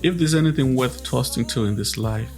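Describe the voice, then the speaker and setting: A man from Zimbabwe hosting a podcast, talking in a slow, earnest and reflective way with restarts. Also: medium pitch, soft background music. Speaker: podcast host.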